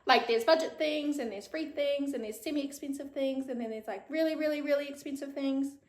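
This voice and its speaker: In an echoey room, a woman in her thirties talks quite quickly in a high-pitched voice. She hosts her own show with a New Zealand accent, chatting casually and bluntly alone and swearing freely.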